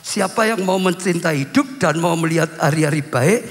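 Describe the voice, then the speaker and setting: A man from Indonesia preaching a sermon as pastor, animated, acting out dialogue and repeating phrases. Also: on the high side, moderate pace. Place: church hall. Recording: long reverb of a church hall.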